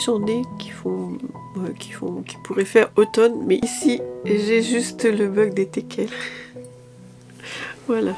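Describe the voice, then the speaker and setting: A woman's voice: medium pitch, vocal fry. Woman showing off her shopping haul, kinda tired, lots of ums and restarts, music under her voice. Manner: hesitant, many fillers and restarts. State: a little tired. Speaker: lifestyle vlogger. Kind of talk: casual haul video chat.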